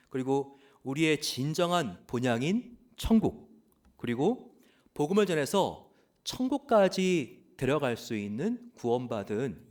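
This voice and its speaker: A man preaching a sermon as pastor, earnest, pausing often with "uh" and asking rhetorical questions. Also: medium pitch, a little mellow. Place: church.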